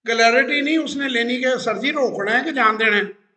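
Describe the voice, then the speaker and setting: A man with a notably high, bright voice hosts a casual talk. He explains eagerly and leans on repeated phrases to drive his points home. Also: moderate pace. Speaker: stock market educator host.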